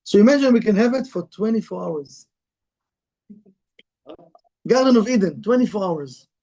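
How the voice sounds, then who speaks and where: Guy with a pretty high voice giving a casual spiritual talk, broken english, keeps asking the room stuff. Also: expressive, moderate pace, warm tone. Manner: conversational, broken English, asks the room questions. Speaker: Kabbalah teacher. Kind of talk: informal spiritual lecture to a live group.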